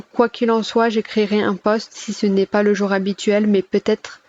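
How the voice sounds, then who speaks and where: Flat-toned woman chatting. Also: medium pitch, dull audio, a little hiss or hum. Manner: chatty, self-correcting, steady delivery. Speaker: gaming YouTuber. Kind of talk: casual channel update. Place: at home, alone.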